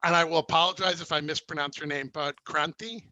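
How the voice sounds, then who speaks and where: A man's voice: on the high side, steady tone, quick pace, sharp tone, no echo. A man co-hosting, chatting loosely on a video call. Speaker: show co-host. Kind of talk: casual video call chat.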